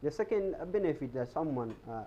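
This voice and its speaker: A man's voice: a little high, sing-song, brisk, dark tone, dull audio, slight background noise. A man giving an explanatory talk on health in a TV studio, often repeating words as he searches for them. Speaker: guest speaker on health.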